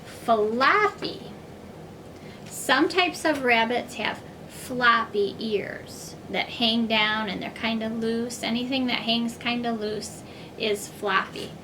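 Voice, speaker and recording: Woman, kindergarten teacher, slightly high voice, unhurried deliberate phrasing, reading-to-a-toddler manner. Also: bright, forceful tone, a little hiss or hum, rough recording. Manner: simple, deliberate phrasing addressed to small children. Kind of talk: children's reading lesson, as if reading to a toddler.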